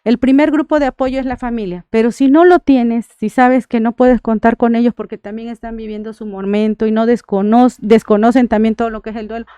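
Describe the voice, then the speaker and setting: Mexican lady grief expert on the radio, kinda high voice, keeps asking "right?". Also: fairly even intonation, a little fast, few pauses, warm tone, clean tone, no echo, highs cut off. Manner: earnest, checks in with frequent "right?". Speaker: thanatologist guest. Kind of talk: radio interview advice.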